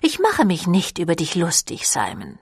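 A woman voicing a seductive, ancient female vampire clan leader in an audiobook, with a silky, teasing manner that drops into breathy whispers. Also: lowish voice, wildly swooping pitch, normal speed, dry recording, studio quality, exaggerated voice. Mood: coaxing. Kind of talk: audiobook reading.

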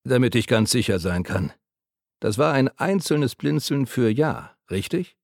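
A man voicing a gentle, chatty caretaker who speaks soothingly to a patient. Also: medium pitch, expressive, measured pace, gravelly, no echo, clean studio sound. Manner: soothing, patient, overly talkative.

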